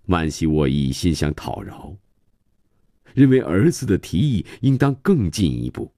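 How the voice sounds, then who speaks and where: A man reading a novel aloud as a radio storyteller, with calm, measured narration. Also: deep voice, no room sound, clean studio sound.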